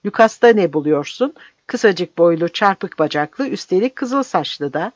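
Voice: medium pitch, expressive, measured pace, no echo. A reader voicing a brutal, bearded male guerrilla captain who roars with harsh contempt, on a dry, slightly dull recording. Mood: scornful.

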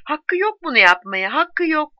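A woman's voice: mid-range voice, very animated, brisk, no echo, highs cut off, natural voice. A woman voicing a frantic young village postwoman in a read-aloud novel, pleading and insistent. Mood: desperate. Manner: urgent, insistent, rising to cries.

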